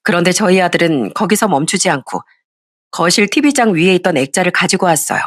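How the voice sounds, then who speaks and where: A woman narrating a family story in the first person, in a plain, even scripted telling. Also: fairly low pitch, fairly quick, no room sound, studio quality.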